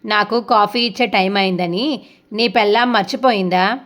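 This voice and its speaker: A woman doing a sharp-tongued nagging mother-in-law. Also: mid-range voice, fairly even intonation, normal speed, close to an everyday voice. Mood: scolding. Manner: nagging, shouting.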